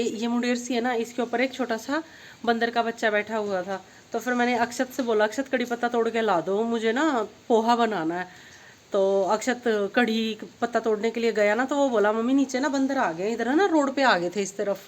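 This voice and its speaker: A middle-aged woman, chatting casually in a home vlog and telling stories with lively energy. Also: a little high. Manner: chatty storytelling, grows excited retelling events. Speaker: vlogger.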